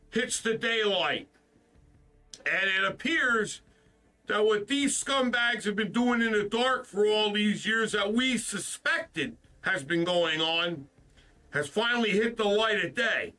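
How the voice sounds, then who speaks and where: Recorded from a distance, a man with a high, sharp voice rants on his gaming stream, congested from the flu. He's frustrated and profane, repeating himself in casual stream talk.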